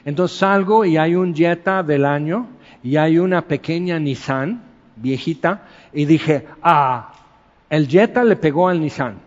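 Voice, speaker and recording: A man preaches in an easy, conversational way, acting out stories with little bursts of sound effects. His voice sits somewhat high for a man. The recording is muffled and carries a long reverb from a large hall. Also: measured pace. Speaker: pastor. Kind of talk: sermon.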